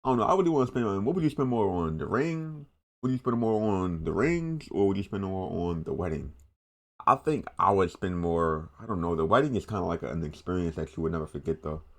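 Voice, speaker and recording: Here a young American reaction host talks fairly quickly, his low voice carrying lively intonation. The commentary is casual, unscripted, slangy, and prone to rambling repetition.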